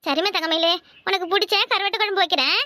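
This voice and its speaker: A woman voicing a sharp-tongued, grumbling young wife in a cartoon, with a Kanyakumari Tamil accent. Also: very high-pitched, fast talker, no echo. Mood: weary. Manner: sarcastic, grumbling. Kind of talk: cartoon voice acting.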